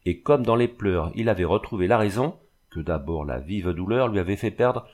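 Male audiobook narrator, low voice, measured dramatic storytelling. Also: lively intonation, darkish tone. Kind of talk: audiobook reading of a tale.

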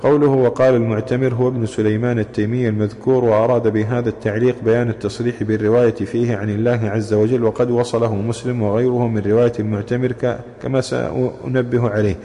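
A man reading a classical commentary aloud in a mosque, with steady recitation. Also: medium pitch, fast. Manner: steady recitation of quoted chains. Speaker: student reading the text aloud. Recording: long reverb from mosque hall.

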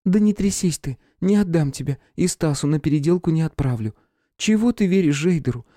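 A man voicing a young noblewoman, soothing and gently scolding toward her pet. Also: on the high side, expressive, brisk, no room sound, studio quality, pitched above the performer's own voice, lightly acted. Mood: protective.

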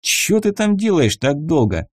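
A man's voice: fairly high pitch, very animated, a little slow, no room sound, clean studio sound, voice pushed up. A man doing a crude joking bandit. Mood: mocking. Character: coarse, jokey male bandit at the door.

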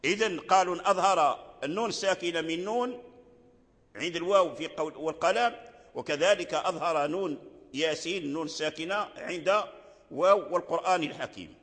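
An older man gives a slow, deliberate religious lesson in a fairly high voice. He repeats his phrases and breaks into short chanted verses. A long reverb hangs behind him, as in a large hall. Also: a bit bright. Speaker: Quran recitation teacher. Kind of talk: religious lesson on recitation rules.

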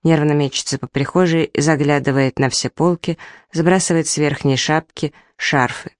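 A woman author reading her own story aloud, giving its stage directions in a plain, even way. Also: sits low, normal speed, no echo, clean studio sound.

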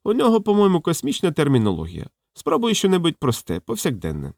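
A man's voice: a little high, huge pitch swings, fast talker, a little mellow, no echo, studio quality, voice pushed up, exaggerated voice. A man voicing a clever young male researcher who reasons things out, as an audiobook character. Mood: puzzled. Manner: reasoning, explanatory.

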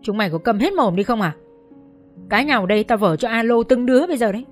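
A woman's voice: medium pitch, fast talker, faint music behind, lightly acted. A woman voicing a harsh male bar manager who threatens and bullies his staff in an audiobook story. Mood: gruff. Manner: gruff, threatening.

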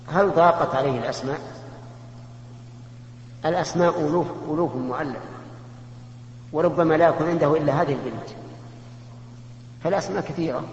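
A man, a religious scholar answering questions in a measured, explanatory way with rhetorical questions. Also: a little high, a little mellow. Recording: echoey hall, muffled lo-fi tape with faint hum.

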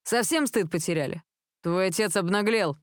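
A woman's voice: medium pitch, normal speed, dry recording, clean studio sound, lightly acted. A woman reading an audiobook voices an indignant teenage boy who mocks and accuses. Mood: mocking. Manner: mocking, accusing. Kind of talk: audiobook character voice.

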